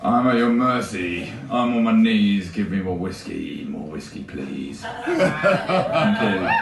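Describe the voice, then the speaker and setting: A man's voice: lowish voice, very animated, slow, vocal fry, heavy background noise. A man in his thirties performing spoken word poetry on a small stage, with a rhythmic, tongue-twisting rhyming delivery. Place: small stage with colored lights. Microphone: stand mic, filmed by a far camera. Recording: echoey room from far off.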